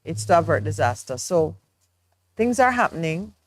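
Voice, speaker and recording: A woman's voice: sits low, sing-song, normal speed, dry recording. A woman co-hosting a morning talk show, explaining her views in an earnest, reflective way. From Jamaica. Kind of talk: studio talk show discussion.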